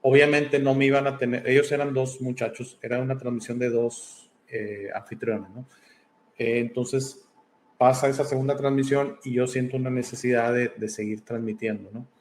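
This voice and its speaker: A man's voice: medium pitch, steady tone, normal speed, darkish tone, slight background noise. A man born in Italy and raised in Mexico, a podcast host talking as a guest over a video call, thoughtful and hesitant with many fillers. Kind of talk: casual interview chat.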